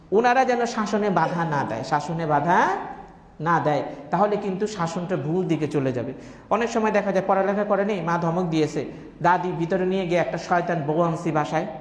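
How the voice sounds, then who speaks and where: Brief: male preacher, emphatic and repetitive, long reverb of a hall. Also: sits high. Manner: emphatic, repeats phrases, acts out quoted family members. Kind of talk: Friday sermon. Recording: echoey hall.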